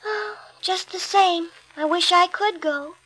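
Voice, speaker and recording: A woman voicing a meek, hopeful young girl in a storybook, speaking softly and slowly. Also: very high-pitched, soft background music, pitched above the performer's own voice, low-quality recording. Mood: wistful.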